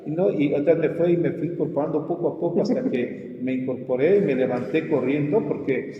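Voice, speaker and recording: A man's voice: fairly high pitch, fairly quick, a little hiss or hum. A male pastor telling his testimony in a conversation, acting out the voices of the people in his story. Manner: animated storyteller, acts out his own cries and quoted voices. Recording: muffled, echoey room with long reverb.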